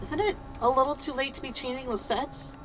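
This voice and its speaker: A woman's voice: high-pitched, steady tone, brisk, noisy background. A woman streamer reading video game dialogue aloud in a theatrical way, switching between character voices. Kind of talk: dramatised read-aloud of a video game's dialogue, voicing the characters.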